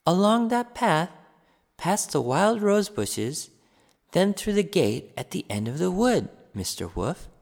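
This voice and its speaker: A sweet, innocent little girl from a fairy tale, as a male narrator puts her on, answering politely in a raised, lilting voice. Her lines come slowly and carefully. The reading sits in a long, echoey reverb. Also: sits high, very animated, gravelly, darkish tone, voice pushed up, exaggerated voice.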